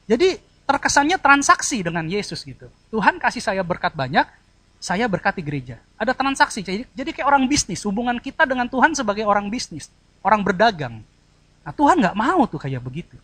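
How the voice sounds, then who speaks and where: A man preaching a sermon in an animated, conversational way, acting out tones of voice and checking that the congregation follows. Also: sits high, a little fast, no echo. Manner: conversational, mixes colloquial asides into teaching.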